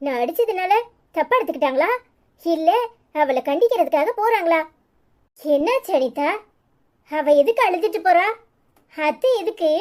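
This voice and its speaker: A woman's voice: extremely high pitch, darkish tone. A woman voicing a hot-tempered, anxious young wife in a cartoon, with a Tirunelveli Tamil accent and a scolding, fretful way of talking.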